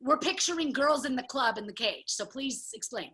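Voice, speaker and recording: A woman's voice: sits high, animated, normal speed, a bit bright. A woman hosting a comedy show over a video call, loose and chatty, cursing casually. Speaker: show host.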